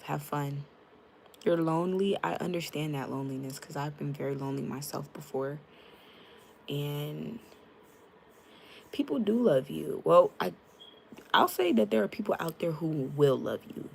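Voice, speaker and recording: A woman's voice: sits low, gravelly, darkish tone, a little hiss or hum. A young woman chatting frankly with her live-stream viewers, greeting them by name and using lots of fillers, into a tablet mic. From United States. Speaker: livestreamer.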